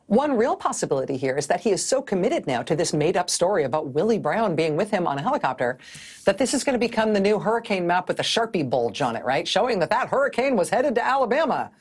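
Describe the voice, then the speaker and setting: A middle-aged woman delivers television news commentary with a slightly husky, breathy edge. Her pitch swoops and rises animatedly as she builds her point. The tone is wry and sardonic, recorded close on a clean studio mic. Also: very animated, fast. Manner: wry, sardonic, often laughing mid-sentence.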